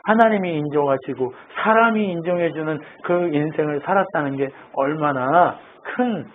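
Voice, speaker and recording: A man's voice: a little high, moderate pace. A man preaching a sermon as pastor, asking the congregation questions and answering them himself. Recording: tinny phone-like line with faint noise.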